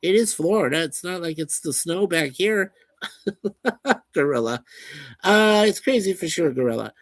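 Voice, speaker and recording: A man's voice: high voice, animated, a little slow, no echo. A man hosting a livestream, casually reading out and answering viewer comments in a chatty, folksy way. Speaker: livestream host reading chat. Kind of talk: casual chat.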